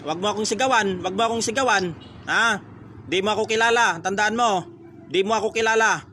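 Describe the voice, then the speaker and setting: Forceful high-voiced man questioning. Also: a little fast, slight background noise. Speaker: folk healer. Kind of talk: confronting a spirit during a healing ritual.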